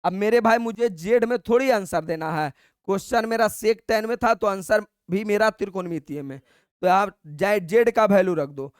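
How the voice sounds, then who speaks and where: A man with a high, smooth, clear voice teaches an exam-prep maths class, speaking colloquially and coaxingly and calling his students brother. He dictates every step slowly and repeats it, recorded dry and close to the mic.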